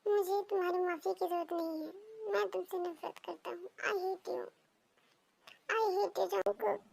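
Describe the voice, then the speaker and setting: A woman doing a sulky young wife, soft spoken, storybook reading, gravelly high voice. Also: fairly even intonation, measured pace, a little hiss or hum, exaggerated voice. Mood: hurt.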